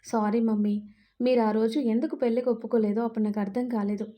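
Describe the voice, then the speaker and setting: A woman's voice: on the high side, flat delivery, fast, highs cut off, close to an everyday voice. A woman voicing an emotional young woman who is a loving daughter, speaking in an apologetic, tearful way in a Telugu audio story.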